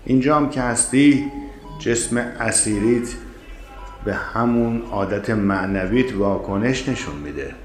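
A man voicing a gentle male spiritual guide who explains softly and patiently in an audiobook drama. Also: fairly low pitch, faint music behind, natural voice. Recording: roomy echo.

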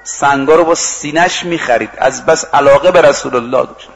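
Guy preaching a sermon, bit high voice, acts out the story bits, chants verses slow. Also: muffled recording. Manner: lively storytelling that acts out quoted exchanges and chants scripture and verse.

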